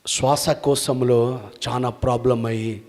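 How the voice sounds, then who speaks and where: A male preacher voicing a grieving mother who pleads for her dying father-in-law, hushed and low. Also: fairly even intonation, takes it slowly, in a large hall. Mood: tearful pleading.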